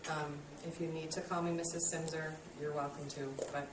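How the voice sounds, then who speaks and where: A college instructor in her late thirties lectures a class with a low-pitched voice that barely moves in pitch, keeping a moderate pace. Her manner is friendly and self-deprecating, peppered with ums, and the distant recording in an echoey classroom carries background noise.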